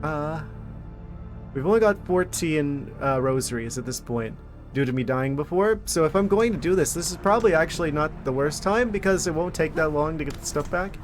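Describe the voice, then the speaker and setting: A man giving casual, wry gameplay commentary as a streamer, thinking out loud. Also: on the high side, animated, normal speed, soft background music. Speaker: game streamer.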